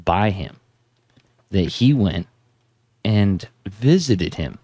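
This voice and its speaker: A man's voice: deep voice, expressive, extremely slow, mellow, husky, no echo. A man hosting a casual podcast, boisterous and profane, laughing as he talks into a studio mic. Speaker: podcast host. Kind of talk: casual crude podcast banter.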